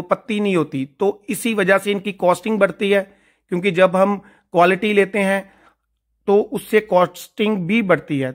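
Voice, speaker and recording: Touring a big factory floor for his casual vlog, a gun shop owner speaks to viewers as though they were friends, full of enthusiasm. His voice sits high with a slight brightness.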